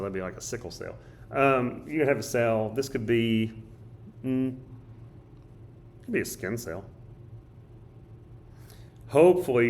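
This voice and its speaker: A man teaching with a somewhat low, slightly hoarse voice. He talks casually and thinks aloud while he draws and writes. A faint hiss sits under the recording. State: hoarse, coughing. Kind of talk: recorded study guide walkthrough.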